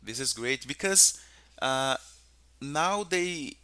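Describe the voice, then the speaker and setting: A man's voice: medium pitch, animated, takes it slowly, sharp tone, no echo. A Portuguese-speaking man from Brazil practicing English conversation, often repeating words while he searches for them. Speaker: English student.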